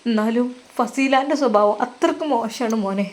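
A woman's voice: fairly high pitch, moderate pace, close to an everyday voice. A woman voicing a tearful older mother who speaks tenderly and pleadingly in a Malappuram Malayalam accent.

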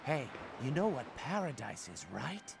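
An actor playing a brash, sardonic younger assassin hero in a video game, taunting and crude. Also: male voice, medium pitch, sing-song, unhurried, gravelly, over music. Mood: cocky taunting. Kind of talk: video game character acting.

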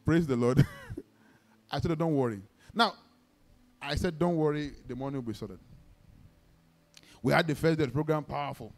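A man's voice: fairly high pitch, moderate pace, pauses often. A man with a Nigerian accent, a pastor preaching a sermon, telling stories with acted-out dialogue and leading the congregation in call-and-response declarations. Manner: exclamatory, peppers talk with praise shouts; vivid storytelling, acts out dialogue.

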